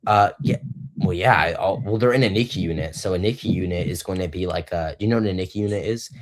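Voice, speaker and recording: A young man hosting a casual online debate, hesitant, restarting sentences and slowing down to press his points. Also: low-pitched. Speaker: debate host.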